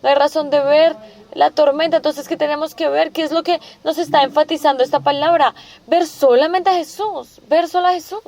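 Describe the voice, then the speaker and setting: High-voiced woman preaching a sermon. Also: steady tone, fairly quick, darkish tone. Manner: asks the listeners rhetorical questions; restates each point several times.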